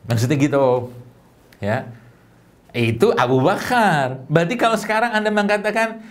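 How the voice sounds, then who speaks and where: A man's voice: a little high, normal speed. A middle-aged man, giving a sermon to a congregation. He talks like he is chatting with them and keeps asking them questions. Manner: conversational, animated, with rhetorical questions. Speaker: preacher.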